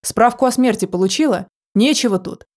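A woman's voice: on the high side, a little fast, a little mellow, close to an everyday voice. A woman doing a barking scornful prison officer.

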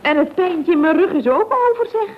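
A woman's voice: very high voice, expressive, brisk, background noise. A woman playing a theatrical, gossipy office worker in a 1960s radio comedy, with exaggerated swoops in her voice. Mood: dramatic. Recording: dull lo-fi old radio recording.

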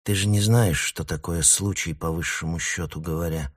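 A man voicing a calm young woman who talks sensibly and lectures her sister, in a storybook reading. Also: low-pitched, moderate pace, no echo, studio quality. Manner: level, lecturing.

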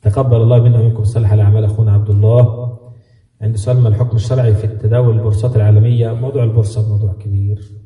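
A man's voice: on the low side, level tone, rapid-fire, mellow. Egyptian sheikh guy giving a quran lesson, fatherly, coaxing, voice far off in a big echoey hall. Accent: Egyptian Arabic. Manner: fatherly, coaxing, acts out parent-child talk. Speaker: sheikh teaching Quran commentary. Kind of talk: spoken religious lesson with live questions.

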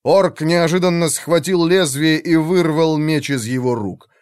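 A man narrating a fantasy audiobook in a steady, expressive storytelling manner. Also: on the high side, measured pace, clear, resonant tone, no echo, studio quality.

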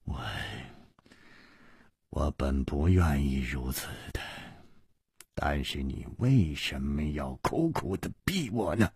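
Man doing a sinister young villain, low hushed threats, very slow delivery, dry close sound. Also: animated, husky, no echo, heavily acted. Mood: coldly calculating. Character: scheming young male villain, cold and menacing. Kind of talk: Chinese storytelling radio reading.

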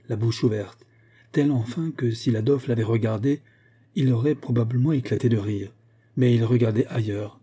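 A man narrates a novel in a measured, unhurried reading. His voice is very dark and mellow, with a husky edge. The delivery is scripted and steady. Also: on the low side. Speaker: audiobook narrator.

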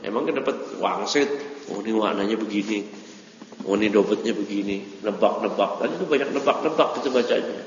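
A man's voice: on the low side, lively intonation, a little fast, slight background noise. Teasing male teacher in an echoey hall. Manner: teasing, scolding, prods with frequent questions. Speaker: religious teacher. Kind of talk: study circle lesson, correcting a student's reading. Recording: roomy, long reverb, dull lo-fi sound.

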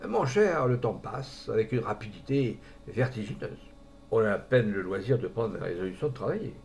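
A man voicing a gentle, good-natured middle-aged friend who rambles on about his idle years. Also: on the low side, expressive, normal speed, gravelly, slight background noise, pitched below the performer's own voice. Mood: confiding.

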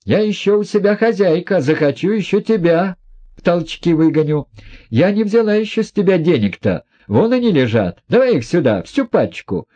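A proud, reckless young woman, voiced by a male reader in a raised, husky voice that swings widely. Her talk is mocking and defiant, full of scorn. It is an audiobook character reading. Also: high-pitched, sing-song, normal speed, warm tone, dull audio, voice pushed up. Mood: defiant scornful.

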